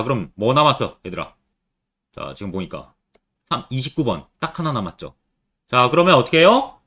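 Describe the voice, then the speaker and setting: A man with a mid-range voice that sounds pushed and bright teaches Korean literature in an exam-prep lecture. He keeps quizzing his students with rhetorical questions throughout.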